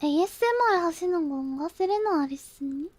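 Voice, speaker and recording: Very high-pitched, cute anime-style young woman streamer. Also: animated, normal speed, a little mellow, no echo. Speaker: live streamer signing off. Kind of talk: casual chat to stream viewers.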